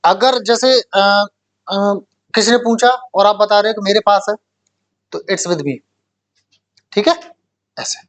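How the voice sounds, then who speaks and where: A man's voice: high-pitched, slow, pauses often, fairly bright tone. A male English teacher lecturing a classroom, explaining patiently, repeating points and asking the class rhetorical questions.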